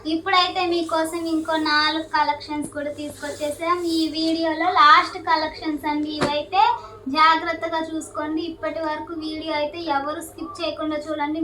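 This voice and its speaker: A soft-spoken woman with an Andhra Telugu accent showing clothes for sale in a casual, chatty way. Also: high-pitched, level tone, a little fast, a little hiss or hum. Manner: soft-spoken, repeats filler words. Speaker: shop owner selling nighties. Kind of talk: casual product showcase. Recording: faint ambience, mic at a distance.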